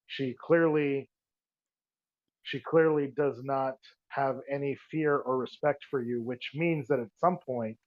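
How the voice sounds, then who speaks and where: A man's voice: medium pitch, darkish tone, dry recording. A man at a tabletop game, laying out his plan in a rambling, persuasive way with lots of restarts. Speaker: tabletop player. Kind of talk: casual in-character planning talk. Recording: dull muffled dry mic sound.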